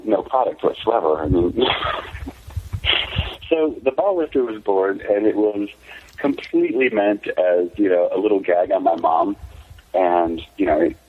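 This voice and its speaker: A man's voice: deep voice, breathy edge. A man, a company founder, telling candid, rambling anecdotes in a casual interview over the phone. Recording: tinny phone line.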